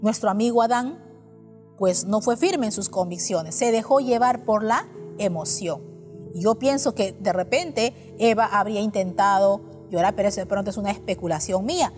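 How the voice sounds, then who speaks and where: A woman's voice: medium pitch, normal speed, darkish tone, big-room sound, faint music behind. A woman preaching a sermon to her congregation, earnest and full of rhetorical questions.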